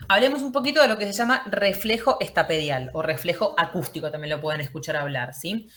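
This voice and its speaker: Bright-voiced woman teaching an online class. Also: mid-range voice. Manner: explanatory, checks in with frequent "¿sí?". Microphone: video call.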